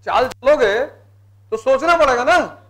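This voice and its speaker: Emphatic high-voiced Hindi-speaking teacher. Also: male voice, animated, slow, fairly bright tone. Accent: Hindi, North Indian. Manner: emphatic, repeats key words, mixes in English terms. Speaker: civil services exam teacher. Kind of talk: motivational classroom lecture. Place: live classroom session.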